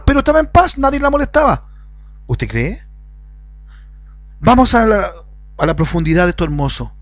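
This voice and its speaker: Hombre predicando con voz aguda. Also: male voice, fairly bright tone, no echo. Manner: preaching with sudden rises and drops in pitch. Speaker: pastor. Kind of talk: sermon. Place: at home.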